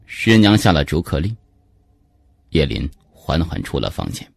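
A man narrating a dramatic story in scripted, expressive storytelling. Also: extremely low pitch, a little slow, vocal fry, no room sound.

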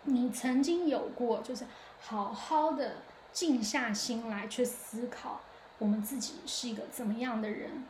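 Chatty woman with a higher voice. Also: unhurried, a little mellow, a little hiss or hum. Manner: chatty and reflective, lots of hesitations and restarts. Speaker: podcast host. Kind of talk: casual solo podcast monologue. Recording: echoey room.

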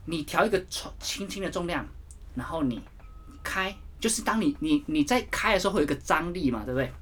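Husky chatty man telling a gym story. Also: fairly high pitch, expressive, fairly quick, fairly bright tone. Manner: chatty, rambling, demonstrates exercises while talking. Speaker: gym-goer vlogger. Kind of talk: casual storytelling.

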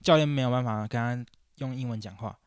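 Fast-talking animated man. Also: mid-range voice, clean tone, no echo, studio quality. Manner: animated complaining, acts out quotes loudly. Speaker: podcast co-host. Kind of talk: casual chat about basketball.

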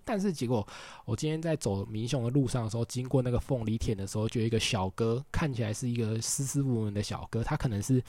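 A man's voice: mid-range voice, mellow, no echo. A young man from Tainan with a Taiwanese Mandarin accent, telling travel stories in a chatty, rambling way full of filler words. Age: young adult. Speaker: vlogger on a walking trip around the island. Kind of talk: casual storytelling.

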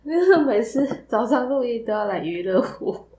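A woman's voice: fairly high pitch, lively intonation, fairly quick, darkish tone, slight background noise. A woman co-hosting a podcast, teasing her partner in a dry, casual way. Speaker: podcast co-host. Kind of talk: casual chat.

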